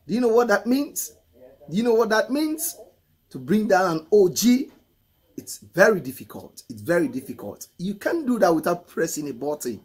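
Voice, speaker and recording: A middle-aged man with a husky voice, reacting to a song in casual commentary and repeating phrases for emphasis. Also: sits high, big pitch swings, normal speed, a little mellow. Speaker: music reaction host. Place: indoor room, photo-covered wall. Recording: music playing faintly behind. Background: hip hop song.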